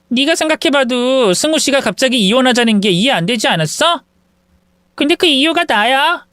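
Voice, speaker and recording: A woman's voice: fairly high pitch, fairly bright tone, no echo, studio quality. A woman playing a gloating, vindictive rival. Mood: taunting. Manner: taunting, smug, cruel. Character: gloating vindictive young woman, husband-stealer. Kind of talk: acted phone quarrel in a story video.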